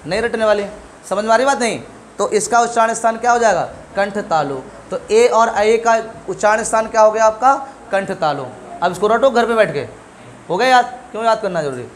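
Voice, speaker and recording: A man's voice: sits high, brisk, slight background noise. A middle-aged male teacher giving a classroom lesson, asking questions and answering them himself while drilling sounds.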